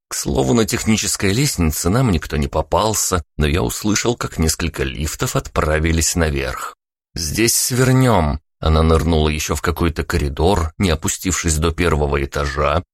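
Deep-voiced man narrating an audiobook. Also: no echo, studio quality. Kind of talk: first-person fiction narration.

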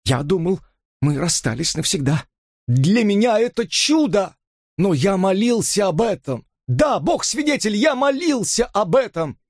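Casting: man performing an overwrought lovesick preacher, high and quavering, pompous, swooping wildly, dry close sound. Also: huge pitch swings, slow, dry recording, heavily acted. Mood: ecstatic pleading. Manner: high, trembling, pleading declamation.

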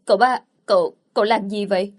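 A woman reading the part of a young wife who is quick to anger and sharp-tongued. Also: medium pitch, steady tone, natural voice. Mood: flustered.

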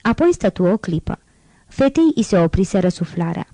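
A woman reading a classic novel aloud as an audiobook, in a calm, measured storytelling manner. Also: mid-range voice, dry recording. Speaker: audiobook reader.

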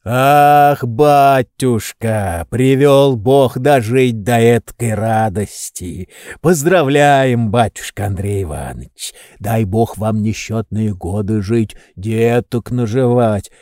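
A man's voice: mid-range voice, slow pace, a little mellow, dry recording, studio quality, close to an everyday voice. A man voicing a wheezy, fawning old male servant in a storybook reading.

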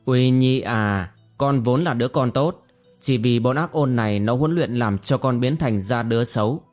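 A man's voice: mid-range voice, moderate pace, darkish tone, soft background music, lightly acted. A man voicing a frantic, grieving old mother who wails and laments over her son in a storybook reading. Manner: wailing, lamenting.

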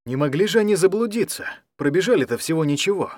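Storybook role: a calm, clear-spoken male coordinator, read by the narrator, firm and reassuring. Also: fairly high pitch, quick pace, no echo, voice pushed up, close to an everyday voice.

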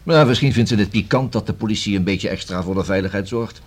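A man acting in a Dutch radio play takes the part of a collegial, methodical senior detective with the police, offering conversational explanations punctuated by small hesitations. The mood is chatty and musing, and his husky, lowish voice moves at a quick pace.

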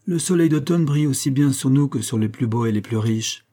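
Un homme qui lit un précepteur pauvre, triste et tendre, qui parle doucement à lui-même, dans un livre audio. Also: male voice, medium pitch, a little fast, dark tone, pitched above the performer's own voice, lightly acted.

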